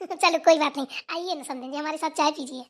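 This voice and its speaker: A woman's voice: sits high, fairly quick, natural voice. A woman voicing an affectionate, chatty village mother visiting her daughter in a cartoon. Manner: affectionate, laughs easily. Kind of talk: cartoon voice acting.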